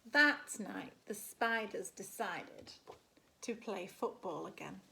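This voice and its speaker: A woman, a primary school teacher, reading a picture book expressively to children and pausing to put questions to her listeners. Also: medium pitch, expressive, creaky, bright, forceful tone, low-quality recording. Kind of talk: animated picture-book storytelling with asides.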